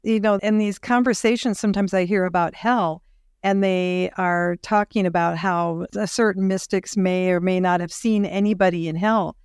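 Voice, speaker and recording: A woman hosting a podcast interview, reflective and measured, slowing down on key phrases. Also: on the low side, fairly even intonation, darkish tone, clear, resonant tone, no room sound, studio quality. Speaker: podcast host. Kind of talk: interview conversation.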